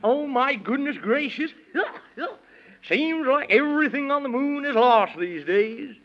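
A man's voice: extremely high pitch, lively intonation, slow, heavily acted. A man playing a fussy, scatterbrained Man in the Moon who gets flustered and repeats himself, in a 1930s children's radio serial. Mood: fussy, muddled. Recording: dull, muffled 1930s radio recording.

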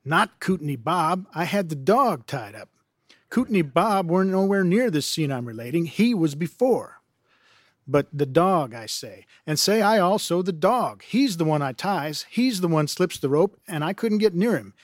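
A man reading out a rough backwoods talker spinning a superstitious yarn in plain, ungrammatical country speech. His voice sits a little high for a man. The sound is close and dry. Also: sing-song, normal speed, no echo. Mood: uneasy yarn. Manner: folksy broken grammar, yarn-spinning. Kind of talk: reading fiction aloud.

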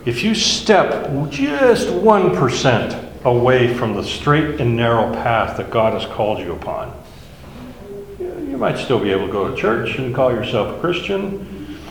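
A man's voice: mid-range voice, a little hiss or hum. A man leading a Bible study, explaining verses one by one in a conversational way. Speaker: Bible teacher. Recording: echoey hall with faint ambience.

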